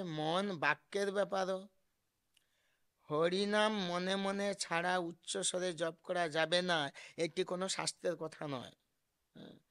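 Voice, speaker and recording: Gravelly high-voiced Bengali religious teacher. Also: male voice, fairly bright tone. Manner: explanatory, quotes scripture verses in a slow chant. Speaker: religious teacher answering a question. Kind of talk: devotional sermon.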